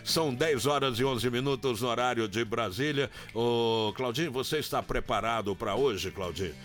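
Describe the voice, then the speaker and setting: A man with a Brazilian Portuguese accent hosts a live radio show in a casual, teasing voice. He jokes loudly with his colleagues. Faint music plays behind him. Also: mid-range voice, moderate pace. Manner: playful, teasing, loud and joking. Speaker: radio host.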